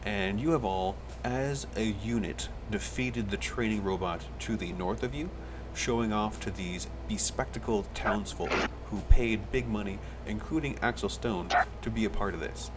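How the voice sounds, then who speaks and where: Low-voiced man running a tabletop game. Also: moderate pace, heavy background noise. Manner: explanatory, describes scenes at length. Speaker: game master.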